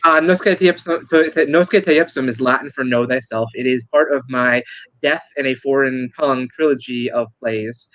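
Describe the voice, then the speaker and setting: A man explains his work with eager enthusiasm, dotting his speech with uhs and ums. His voice has a middling pitch and a dry, close sound with no room echo. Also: normal speed, a bit bright. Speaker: co-host and playwright. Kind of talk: casual explaining.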